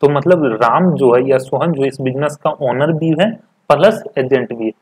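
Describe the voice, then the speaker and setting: Husky-voiced man teaching a commerce class. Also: mid-range voice, a little mellow. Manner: explains step by step with frequent "ठीक है" check-ins; reads English textbook lines slowly, then explains them in Hindi. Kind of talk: recorded classroom lecture.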